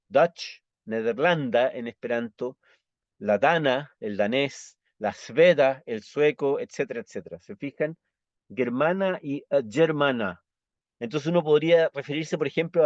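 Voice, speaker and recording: A man with a Chilean Spanish accent teaching a lesson, patiently explaining and checking understanding with quick tag questions. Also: medium pitch, a little mellow, dry recording, muffled recording. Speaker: Esperanto teacher.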